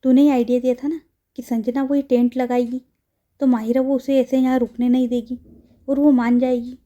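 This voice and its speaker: A woman's voice: high-pitched, little pitch movement, a little fast, mellow, natural voice. A woman voicing a bossy, chatty young woman friend who teases and gives orders in a storybook audio drama. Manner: bossy, teasing.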